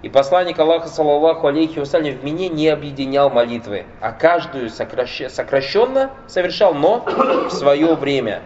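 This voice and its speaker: A man delivers a religious lecture in a somewhat high voice, laying out his points one by one and checking in with rhetorical questions. The recording is dull and lo-fi, with a faint hiss underneath. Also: expressive, moderate pace. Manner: explanatory, enumerates points, asks listeners rhetorical questions. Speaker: Islamic lecturer.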